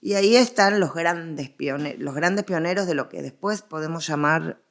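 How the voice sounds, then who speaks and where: In a conversational interview, an Argentine guest expert talks history in a low voice at normal speed, repeating phrases for emphasis.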